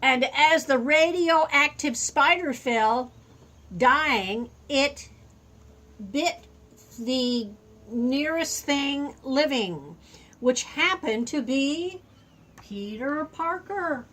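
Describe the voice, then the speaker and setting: Playing a grandmotherly storyteller, an elderly woman reads a kids' story and slips in simple, expressive explanations meant for a young child. She speaks in a high voice at an extremely slow pace.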